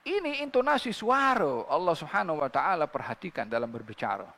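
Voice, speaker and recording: A male preacher delivers a sermon in a fairly high voice that keeps catching into a gravelly fry. He recites scripture in Arabic and often checks in with his listeners through rhetorical questions. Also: big pitch swings, fairly quick, bright, forceful tone, big-room sound. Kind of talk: religious sermon.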